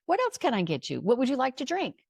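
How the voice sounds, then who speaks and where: A bright, agreeable drive-thru order voice, as a woman puts it on in a dry, close recording. It lilts up and down as it keeps taking the order cheerfully and repetitively. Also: high-pitched, huge pitch swings, fast, gravelly, breathy edge, no echo, voice pushed up, exaggerated voice.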